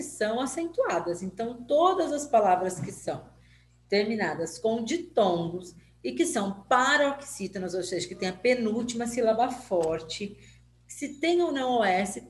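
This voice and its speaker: A woman's voice: fairly high pitch, roomy sound, slight background noise. A woman teacher from Brazil with a Brazilian Portuguese accent, patiently explaining grammar in a recorded lesson and asking rhetorical questions.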